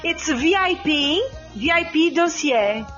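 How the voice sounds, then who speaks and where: A woman's voice: high voice, expressive, slow, fairly bright tone, highs cut off, faint music behind. A woman in her late thirties whose native language is Portuguese, hosting a casual live podcast chat and talking hesitantly with many ums and restarts. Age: 30s. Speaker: podcast host.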